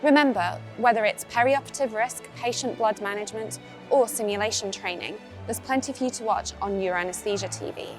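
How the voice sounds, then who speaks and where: A woman's voice: mid-range voice, fairly quick, few pauses. A woman presenting a conference TV show in a polished, upbeat scripted delivery. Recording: music bed underneath.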